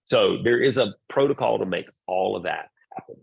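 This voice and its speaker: A middle-aged man speaks to volleyball parents at an orientation, his fairly low voice animated at a normal speed, creaky with a breathy edge. He is blunt and repeats himself, acting out remarks he quotes.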